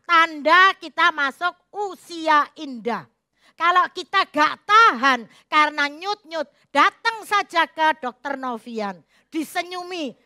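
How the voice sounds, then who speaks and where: A middle-aged woman pastor gives a folksy sermon full of jokes. Her voice is high and bright. The sound is dry, with no room echo. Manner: folksy, joking, mixes in Javanese phrases.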